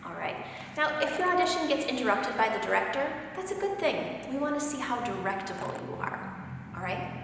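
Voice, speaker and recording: A woman directing auditions, briskly interrupting and giving notes. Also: high voice, very animated, gravelly, background noise. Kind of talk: instructional talk. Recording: echoey hall from far off.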